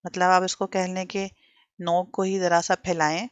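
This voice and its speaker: A woman's voice: fairly low pitch, flat delivery, moderate pace, no room sound. A woman teaching Quran letter sounds step by step, asking questions and having learners repeat after her. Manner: patient, drills learners with repetition and questions.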